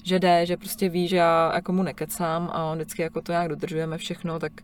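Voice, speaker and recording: A woman's voice: flat delivery, recorded from a distance, a little hiss or hum. A woman co-hosting a parenting podcast, chatting casually and laughing often. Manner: chatty, laughs often, mimics her child in a high voice. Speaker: podcast co-host. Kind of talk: casual chat about parenting.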